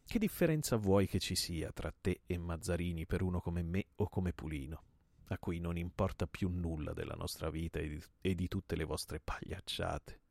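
A man's voice: low voice, moderate pace, a little mellow, dry recording. A man reading a play aloud and voicing a desperate, grim man bent on murder, with an intense, menacing delivery.

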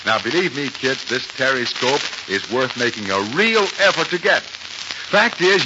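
Animated old-time American radio announcer man. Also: a little high. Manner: chummy salesman addressing children. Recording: noisy, muffled 1940s radio recording.

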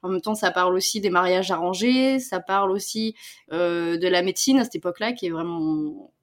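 A woman's voice: lowish voice, fairly quick. A woman co-hosting a podcast, talking casually about a TV series with many fillers and restarts. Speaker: podcast co-host reviewing series. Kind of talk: casual chat.

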